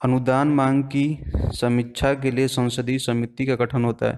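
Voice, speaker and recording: A male teacher delivers an exam-prep lesson step by step, often raising a question for the class and then answering it on his own. His middle-pitched voice is a little mellow and a little slow, with a flat delivery. Slight background noise can be heard.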